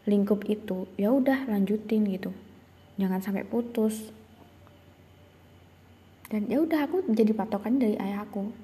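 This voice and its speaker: A woman's voice: mid-range voice, warm tone. A young woman telling a personal story in a casual, reflective and confessional way, hesitating and restarting often. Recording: long reverb.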